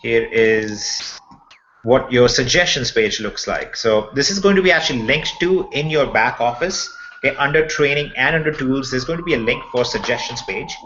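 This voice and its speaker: Male webinar presenter, bright and punchy, informal step-by-step explainer, muffled video call sound. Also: mid-range voice, moderate pace, a little hiss or hum. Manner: checks in often with "okay". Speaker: presenter of a members' update webinar. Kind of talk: informal screen-share walkthrough.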